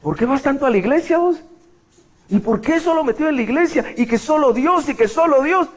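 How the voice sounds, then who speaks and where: A man's voice: very high voice, animated, brisk, voice pushed up. A preacher putting on the voice of a scornful male acquaintance who mocks someone for going to church. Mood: mocking.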